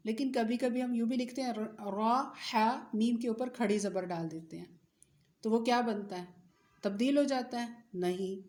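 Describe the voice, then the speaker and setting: Female tajweed teacher, Pakistani Urdu accent, unhurried delivery, soft dark tone, slightly high voice. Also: reverberant. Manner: slow, patient explaining with drawn-out example words. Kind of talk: recorded recitation lesson.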